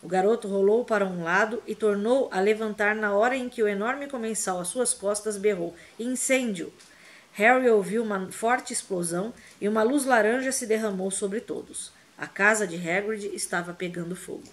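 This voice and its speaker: A woman's voice: mid-range voice, moderate pace, few pauses. A woman narrating a fantasy novel aloud with a vivid, dramatic reading. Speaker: audiobook reader. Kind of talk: expressive audiobook narration.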